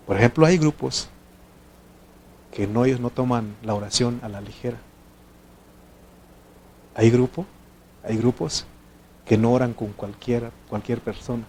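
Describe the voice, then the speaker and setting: A lively sermon comes from a preacher from Mexico whose first language isn't Spanish, speaking to his congregation at an ordinary middle pitch for a man. He's animated, moving between loud, urgent exhortation and soft, low asides, with a little hiss or hum on the recording.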